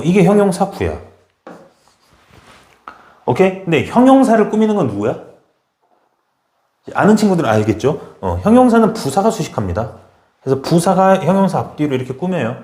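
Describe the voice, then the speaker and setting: Guy teaching english grammar, lively up and down voice, pushy about memorizing, roomy echo. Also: fairly high pitch. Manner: brisk, repeats "okay?" and pushes students to memorize. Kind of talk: classroom lecture.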